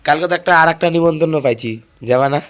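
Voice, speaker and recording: A young man chatting to viewers while filming a casual phone vlog at home and on local roads, slightly hoarse. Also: fairly high pitch, rapid-fire, a bit bright. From India. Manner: chatty, addresses viewers as "guys". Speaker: vlogger.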